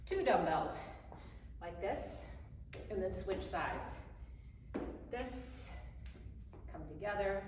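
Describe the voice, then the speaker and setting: A woman fitness instructor coaching a home workout, counting reps and cueing moves in short, encouraging phrases. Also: medium pitch. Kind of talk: home workout coaching while demonstrating exercises. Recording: very echoey room, distant mic, faint noise.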